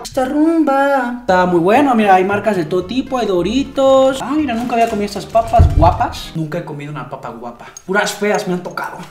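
A young man from Peru chatting playfully to camera in a home vlog, joking around and bursting into excited shouts. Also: very high-pitched. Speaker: vlogger. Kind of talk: casual chat to camera. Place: a house, indoors. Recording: roomy indoor sound with background music.

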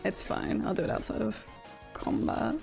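Over background video game music, a female VTuber livestreamer jokes her way through casual gameplay commentary. Her voice is a little mellow and moves at a moderate pace, and she tends to repeat short phrases and curse occasionally.

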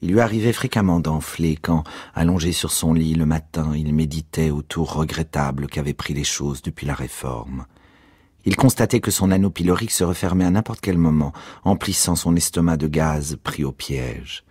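A man giving an expressive, ironic literary reading aloud. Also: very deep voice, normal speed, breathy edge, no echo, studio quality. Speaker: reader.

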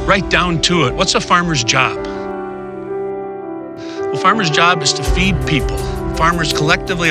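A man speaking for a seed company in a commercial, relaxed and folksy with small fillers. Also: a little high. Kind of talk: conversational commercial. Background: loud music.

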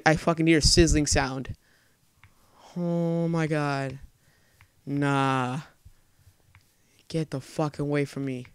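A man's voice: a little high, smooth, dry recording. Jumpy, foul-mouthed young gamer man. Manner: jumpy, swears a lot, panicky outbursts. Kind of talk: let's play commentary.

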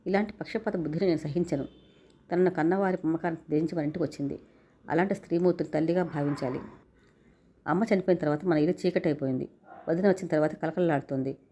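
A woman's voice: low voice, fast talker, a little hiss or hum, lightly acted. A woman reading the lines of an outspoken college-age sister who scolds her brother, in a narrated story. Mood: scolding. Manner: sharp, scolding.

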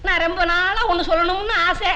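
A man's voice: very high-pitched, fairly even intonation, a little fast, bright, forceful tone, dull audio, full character voice. An actor playing a meek village man who hesitantly asks a swami for a favor. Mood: deferential.

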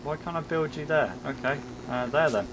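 A man giving jokey let's-play commentary, chatting to his in-game pet and swinging from bragging excitement to comic panic. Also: a little high, normal speed, noisy background. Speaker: gaming YouTuber.

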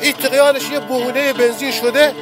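Exasperated high-voiced man. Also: steady tone, over music. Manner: exasperated, blunt. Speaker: local resident interviewed.

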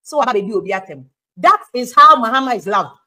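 A Ghanaian woman giving political commentary on a talk show, animated, mixing English with Twi. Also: on the high side, quick pace, poor audio.

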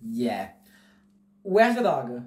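Drawn-out words in a medium-pitched voice mark this Brazilian-accented man, a Portuguese native speaker who hosts movie reactions. Excitable and effusive, he swears casually and gestures broadly while delivering laid-back reaction commentary over soft background music. He's indoors in a small bedroom, recorded on a wired earphone mic with a roomy echo.

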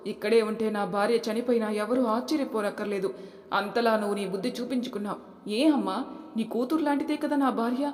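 A woman's voice: a little high, fast, darkish tone, natural voice. A woman voicing an angry grown son who accuses his own mother, in a roomy hall with long reverb. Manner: heated, accusing.

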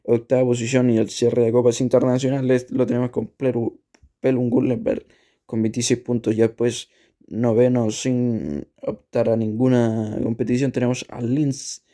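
A man's voice: mid-range voice, level tone, moderate pace, dark tone. A man commentating on a football video game, going through plays and figures and often repeating words.

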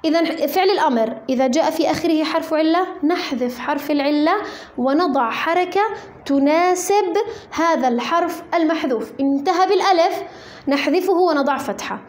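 A woman with a Levantine Arabic accent teaching a grammar lesson to a class. She asks the class questions and answers them herself, and slows to dictate word by word as she writes. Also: sits high, darkish tone. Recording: echoey roomy recording.

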